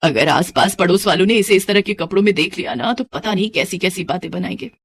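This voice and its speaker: A woman's voice: on the low side, animated, fast talker, slightly rough, dry recording. A woman voicing a fussy, traditional middle-aged mother-in-law who scolds and laments dramatically. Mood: annoyed.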